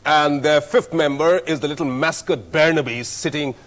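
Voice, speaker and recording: A middle-aged man hosting a TV quiz show, speaking in a formal, measured way with clear diction. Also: a little high, fairly bright tone. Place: TV studio set. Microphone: lapel mic.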